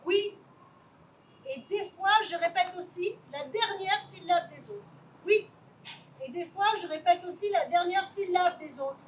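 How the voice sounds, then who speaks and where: Actress as a flustered, giggly compulsive repeater, very high animated voice, distant stage sound. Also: female voice, measured pace, a little hiss or hum. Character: nervous woman who repeats every sentence twice. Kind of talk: amateur stage play.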